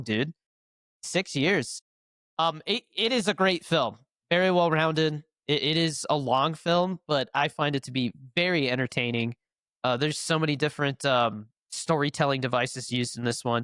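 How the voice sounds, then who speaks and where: A man's voice: on the high side, a bit bright, clean tone, no echo, clean studio sound. A man co-hosting a filmmaking podcast, nasal and congested from a cold, rambling through a casual chat with fillers and restarts. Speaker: podcast co-host.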